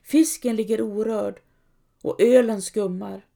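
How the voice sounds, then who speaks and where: Woman reading a story, calm narration, a bit of vocal fry. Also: medium pitch. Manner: calm storytelling, quotes other characters lightly. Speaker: audiobook narrator. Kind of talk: scripted narration.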